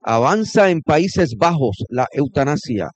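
Brief: radio news host, fairly high male voice, brisk headline reading. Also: sing-song.

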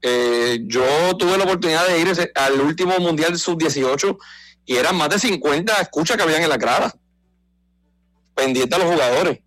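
A man's voice: on the high side, moderate pace, fairly bright tone, no room sound, faint music behind, low-quality recording. Man, baseball radio talk, emphatic explainer, dry studio sound. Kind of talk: casual sports talk.

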